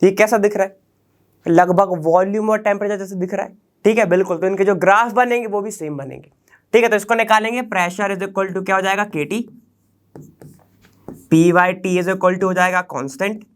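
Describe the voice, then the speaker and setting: A man gives a chemistry lesson for exam prep in a relaxed, conversational way. He keeps posing rhetorical questions and checking that his students follow. He mixes English technical terms into his everyday speech. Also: sits high, moderate pace. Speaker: chemistry teacher. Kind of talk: online exam-prep lecture.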